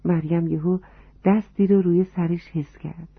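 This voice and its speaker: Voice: medium pitch, fairly even intonation, husky, no echo. A narrator telling a storybook tale to children and speaking to them directly. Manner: warm, addressing children directly. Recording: dry, tinny phone-like sound.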